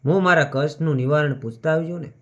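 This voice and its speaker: A man's voice: fairly high pitch, fast talker, fairly bright tone, close to an everyday voice. Guy reading as a troubled horse asking for help, earnest, muffled lo-fi. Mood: pleading. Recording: dull lo-fi recording.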